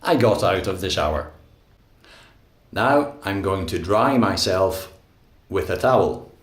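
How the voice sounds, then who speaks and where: Male English teacher, slow and deliberate, somewhat low voice, roomy recording. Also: expressive. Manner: clear, deliberate teaching delivery. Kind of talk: slow, simple narration of daily actions.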